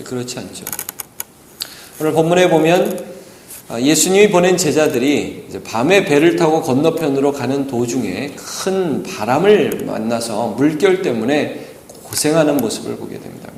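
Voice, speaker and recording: A man's voice: mid-range voice, a little mellow, a little hiss or hum. A man preaching a dawn service sermon, asking the congregation rhetorical questions. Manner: asks rhetorical questions, acts out quoted lines. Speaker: pastor. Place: church sanctuary. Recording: echoey church hall with long reverb.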